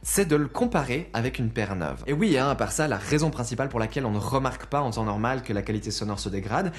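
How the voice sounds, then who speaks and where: A man giving an opinionated consumer rant to viewers, exasperated and emphatic, conversational and full of rhetorical questions. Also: medium pitch. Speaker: video presenter.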